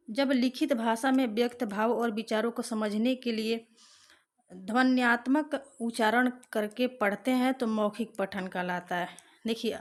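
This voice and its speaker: A young woman teaching an exam-prep lesson, reading out questions, repeating them and explaining the answers. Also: a little high.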